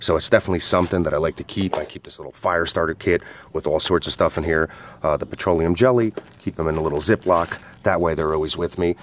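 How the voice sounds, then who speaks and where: In his backyard, a male outdoor skills instructor casually explains a fire starter while demonstrating it, his speech full of "uh" and "go ahead." His voice is low and fast, with a faint hiss or hum. He sounds relaxed, leaning heavily on fillers.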